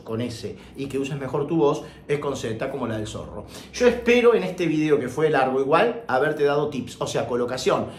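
A man's voice: on the high side, roomy sound, a little hiss or hum. A man teaching a casual singing technique lesson, chatty and full of joking, self-mocking asides, recorded on a phone. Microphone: phone microphone.

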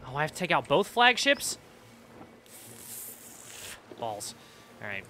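A young man streaming a video game, excitably talking to himself as he plays. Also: a little high, slow pace, slight background noise. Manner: excitable, talks to himself while playing. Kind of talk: live gameplay commentary.

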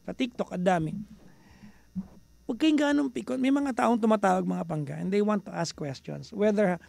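Filipino male radio host, high gravelly voice, playful teasing banter with listeners, studio mic. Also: moderate pace, no echo. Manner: chatty, mixes Tagalog and English, teasing, playful; bursts into loud, high exasperated rants. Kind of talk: casual radio talk with listeners.

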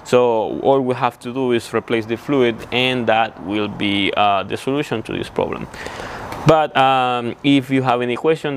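A young man and truck mechanic explaining a repair in a hands-on walkthrough, halting with many fillers and restarts. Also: medium pitch, slight background noise. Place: indoor truck repair shop.

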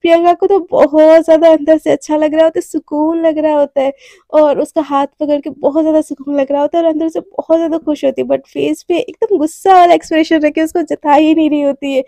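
A woman's voice: sits high, flat delivery, brisk, mellow, no room sound. A young woman telling a story in a chatty, informal way with many asides. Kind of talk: casual storytelling.

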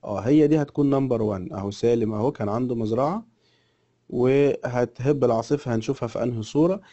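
A man with an Egyptian Arabic accent teaching an English lesson. He reads English sentences slowly and deliberately, then explains them quickly in Arabic. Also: mid-range voice, mellow, dull audio.

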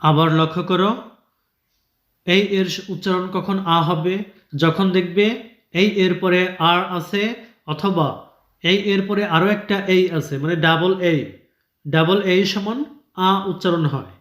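A man's voice: sits high, steady tone, a little slow, long pauses, a bit bright, reverberant. A man teaching English pronunciation in a patient, step-by-step way, spelling out each example word letter by letter and repeating it. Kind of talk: step-by-step classroom explanation.

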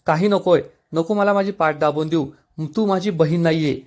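A bitter, sharp-tongued young woman who snaps and refuses help, read by a man. The voice sits slightly high. It is a plain read, not a strongly acted one. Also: moderate pace, lightly acted. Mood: angry. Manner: snapping, resentful.

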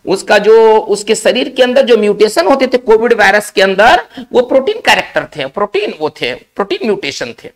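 A man with a high-pitched, very animated voice teaches English spelling and word meanings in a recorded lesson. He takes students through it step by step, explaining slowly in Hindi and repeatedly asking "isn't it?" to check they follow.

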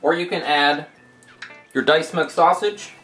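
Male cooking host, middle-aged, higher voice, clear step-by-step recipe delivery over soft music. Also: unhurried. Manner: steady step-by-step recipe instructions. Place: home kitchen.

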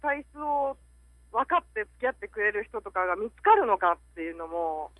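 Frank woman radio show caller, quick. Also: medium pitch, lively intonation, a bit bright, no echo, low-quality recording. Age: 30s. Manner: candid, frank, hesitant with many fillers. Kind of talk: calling in to a radio advice show. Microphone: phone call into the studio.

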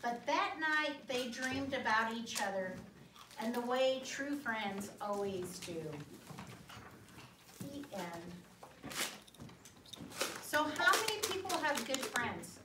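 In an indoor classroom, a middle-aged woman serves as guest storyteller, reading a picture book with drawn-out, expressive words and questions to check on the children. She speaks slowly and expressively, with a fairly high pitch and long pauses. A phone or camera across the room captures roomy, distant sound amid classroom noise.

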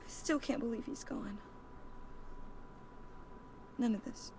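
A woman playing a grieving, wounded young daughter in a dramatic video game, with a creaky, breathy voice. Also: fairly high pitch, slow. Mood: numb grief. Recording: game audio with clear background noise.

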